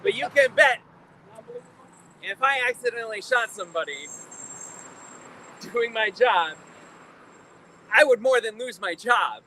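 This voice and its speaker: A man giving an impassioned protest speech like a preacher, emphatic and deliberate, repeating phrases for effect. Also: very high voice, animated, bright, forceful tone. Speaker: preacher, rally speaker. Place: outdoors at a rally in town. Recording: noisy outdoor urban recording, faint traffic.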